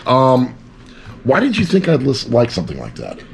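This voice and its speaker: A man's voice: mid-range voice, huge pitch swings, moderate pace, gravelly. A man hosting a casual book chat, sarcastic and swearing offhandedly. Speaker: podcast host. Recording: faint background noise.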